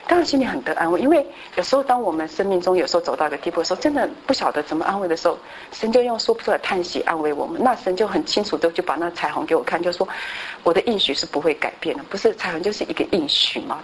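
A middle-aged woman with a somewhat low voice leads a Bible class. She tells her story in a lively, animated way and drops English words into her speech. Faint background noise sits under her voice. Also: low-quality recording. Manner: animated storytelling, mixing in English words, frequent tag particles.

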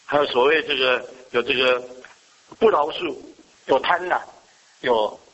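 A man's voice: mid-range voice, measured pace, a bit bright, highs cut off. A man preaching a sermon as pastor, often asking the congregation questions and answering them himself.

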